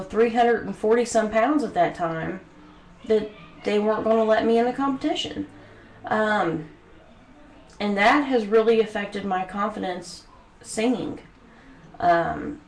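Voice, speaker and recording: A young woman vlogger with a head cold talks earnestly to camera, sniffling, in a lowish voice full of hesitant ums. She records on a studio mic in her bedroom home studio, where the room is echoey and there's faint background noise.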